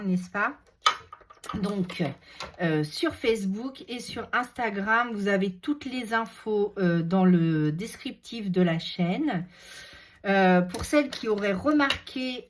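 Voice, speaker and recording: A woman with a runny nose chatting casually while she shows a craft project, relaxed and talkative as she works. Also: medium pitch. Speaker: craft video host. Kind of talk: casual craft tutorial chat.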